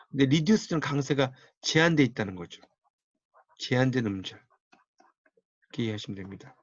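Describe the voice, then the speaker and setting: A man's voice: medium pitch, dry recording, dull audio. Man lecturing on English pronunciation. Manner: explanatory, repeats key terms, models English words aloud. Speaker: English teacher and book author.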